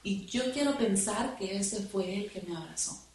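A woman telling her testimony in church, halting and repeating words as she remembers. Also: mid-range voice, a little mellow. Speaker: church member giving testimony. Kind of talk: spoken testimony. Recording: echoey room, far from the mic, noisy.

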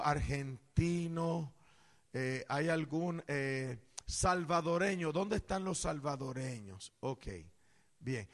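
A preacher man from the Caribbean giving a lively sermon, loud and playful, joking with the congregation in a church. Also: on the high side, big-room sound.

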